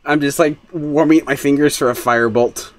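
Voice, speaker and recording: A man's voice: fairly high pitch, fairly even intonation, fairly quick, noisy background. Man player arguing at the game table. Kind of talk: casual chat at a tabletop game.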